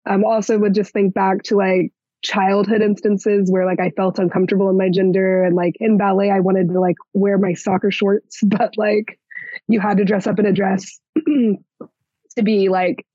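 A woman's voice: mid-range voice, level tone, moderate pace, warm tone, no echo. A woman guest on a podcast in casual chat, reflective and easygoing, with many fillers. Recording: slightly dull lo-fi sound.

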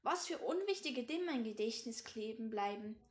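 A teenage girl with a high voice reads a novel aloud at her own unhurried pace. She trips over words now and then and goes back to fix them. Between passages she rambles casually to her listeners. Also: animated. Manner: stumbles and restarts on words. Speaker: reader.

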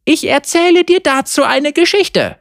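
A woman voicing an aged, wise female illuminator who speaks calmly, with a slightly croaky voice. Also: high voice, moderate pace, no echo, studio quality, pitched above the performer's own voice. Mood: calm, instructive.

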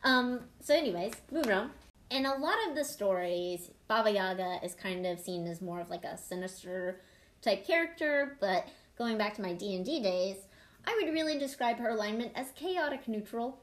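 A woman hosts a podcast, explaining things and telling stories in a casual, irreverent style full of swearing. Her mid-range voice has lively intonation and a moderate pace.

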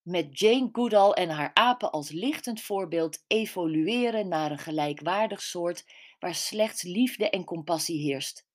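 A middle-aged woman author reading her own personal column aloud in a reflective, deliberate way. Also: on the low side. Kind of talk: scripted personal narration.

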